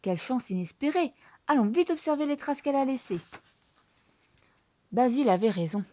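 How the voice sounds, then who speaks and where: A woman reading a children's book aloud in French with lively, expressive storytelling. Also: sits high, normal speed. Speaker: storybook reader.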